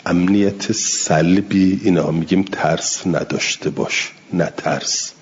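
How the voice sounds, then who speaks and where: A man teaching a religious lesson on Quran commentary, reading Arabic passages slowly and explaining each in plain speech. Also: low-pitched, fairly even intonation, highs cut off, a little hiss or hum.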